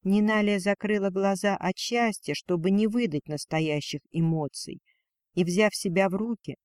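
A man reading a fantasy story aloud as narrator, steady and expressive, close to the mic. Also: high voice, moderate pace, no echo.

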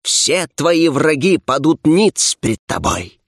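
Guy doing a hissing, arrogant darkness spirit, slow and drawn out, dry close sound. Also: on the high side, big pitch swings, breathy edge, no room sound, voice pushed up, heavily acted. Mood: grandiose. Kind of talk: audiobook character reading.

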